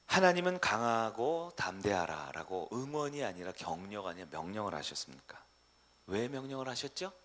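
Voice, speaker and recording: A man preaching a sermon as pastor in a church, asking the congregation questions and swinging between loud emphasis and hushed asides. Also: on the low side, sing-song, normal speed. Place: church sanctuary.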